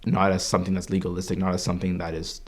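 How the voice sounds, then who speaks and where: Here a man in his early twenties from Canada, who studies religion, shares an earnest personal testimony, reflecting as he goes and often using fillers and restarting. He talks very fast in a low, monotone voice.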